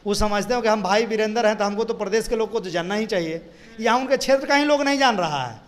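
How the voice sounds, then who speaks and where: Speaking fast in a high-pitched voice with a Bihari accent, a male political spokesperson argues his case in an interview format. He repeats phrases for emphasis and fires off rhetorical questions.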